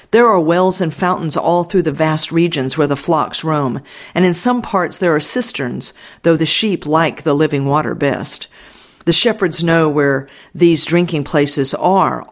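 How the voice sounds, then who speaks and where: A man reading an audiobook voices a devout older male shepherd who tells of his flock in a mellow, earnest way. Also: on the high side. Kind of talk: audiobook narration.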